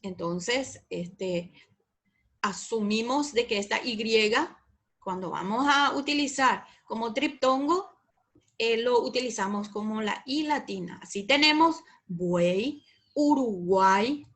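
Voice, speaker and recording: A woman's voice: on the high side, slow pace, fairly bright tone. A woman teacher with a Paraguayan Spanish accent giving a recorded class lecture, explaining patiently, repeating examples and checking with her students.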